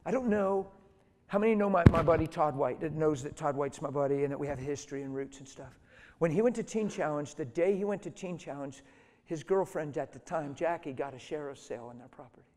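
A man with a high voice preaches a conference sermon, telling his story with lively swings from hushed murmurs to loud, urgent peaks. His voice rings out with a long reverb from the hall around him. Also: brisk, a little hiss or hum. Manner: animated storyteller, swings from hushed to near-shouting.

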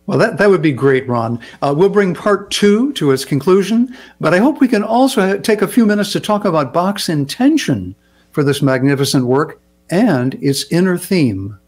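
An older man, a music director, explaining and discussing a choral work in a measured, explanatory way. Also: sits high, animated, darkish tone.

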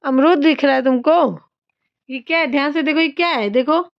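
A mother sits with her daughter and quizzes her on the alphabet, teasing and scolding by turns. Her voice is raised and high. The phone recording sounds slightly dull. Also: moderate pace, no echo. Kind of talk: scolding and coaching a child at homework.

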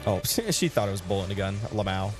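Young male streamer, fairly low voice, rambling casual chat, game music behind. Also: very animated, fast. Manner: rambling, chatty, talks to his chat. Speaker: Twitch streamer. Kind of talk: casual gaming livestream commentary.

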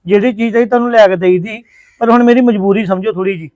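A man's voice: sits high, fast talker, a little mellow, no echo. A man acting a placating brother-in-law in a family drama. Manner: placating, apologetic.

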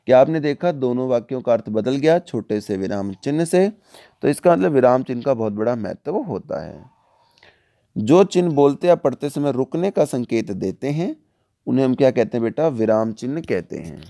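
Guy teacher going over a kids worksheet, gravelly mellow voice, keeps asking the class stuff. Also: mid-range voice, lively intonation. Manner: explains slowly, often asks the class questions. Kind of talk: online worksheet lesson for children.

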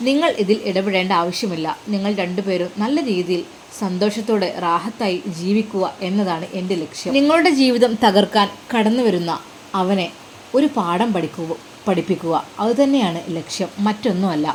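A woman's voice: mid-range voice, expressive, moderate pace, a little hiss or hum, close to an everyday voice, rough recording. Woman voicing a protective older mother figure. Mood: protective earnest.

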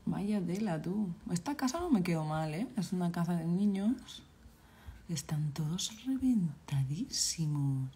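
Valencian woman streamer, low mellow gravelly voice, chatty and exclaiming as she plays. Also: normal speed, few pauses. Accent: Valencian Spanish. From Valencia, Spain. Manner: chatty, exclaiming, scolding the game characters. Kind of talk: casual live-stream chat while playing a game.

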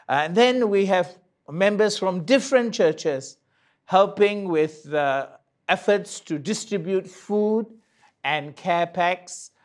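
An older bishop, preaching a sermon at a lectern in a slow, deliberate way, with pauses and fillers. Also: male voice, a little high. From Singapore. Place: studio stage with curtains, standing at a lectern.

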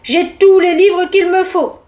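A woman voicing a big, grumpy male bear who grumbles and nearly shouts in a storybook reading. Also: high voice, animated, moderate pace, reverberant, dull audio. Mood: grumpy, loud. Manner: grumbling, raises voice to near shouting.

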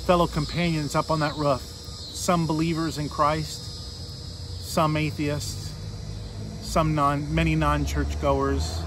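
Standing outside by a fallen tree close to a street, a Lutheran pastor from America, a man in his forties, delivers a sermon in a conversational, earnest way, pausing often and posing rhetorical questions. His voice is high. Noticeable outdoor noise from insects and traffic runs underneath.

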